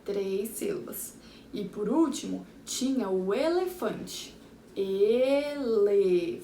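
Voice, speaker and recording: A woman's voice: medium pitch, animated, takes it slowly, vocal fry, mellow. A Brazilian woman, a primary school teacher, reviewing a lesson for young children and sounding out words syllable by syllable. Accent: Brazilian Portuguese. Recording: echoey room, far from the mic, faint background hum.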